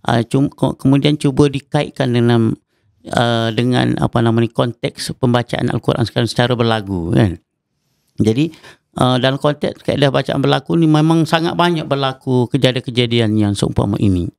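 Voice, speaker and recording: A man's voice: mid-range voice, moderate pace, vocal fry, darkish tone, dry recording, clean studio sound. A Malaysian man with a Malaysian Malay accent, a Quran recitation teacher explaining patiently and breaking into melodic chanted examples. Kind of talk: explanatory podcast interview. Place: mosque podcast studio.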